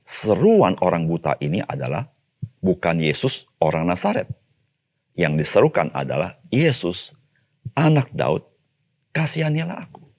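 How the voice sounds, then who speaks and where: A man giving a devotional sermon as a pastor, speaking straight to his listeners, calling out some phrases loudly and dropping others low and quiet. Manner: addresses listeners as "Saudara"; swings between raised, emphatic calls and low, quiet asides.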